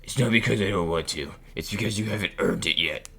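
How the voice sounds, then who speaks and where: A man voicing a brooding, smug male killer from a dating game, talking in a gruff, withholding, teasingly menacing way. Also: sits low, fast talker, pushed and bright, soft background music, pitched above the performer's own voice, full character voice. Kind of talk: reading game dialogue aloud.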